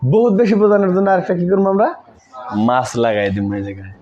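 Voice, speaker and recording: A man's voice: high-pitched, sing-song, fast talker. A man teaching an English grammar lesson, repeating key words and checking that students follow. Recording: dull lo-fi recording.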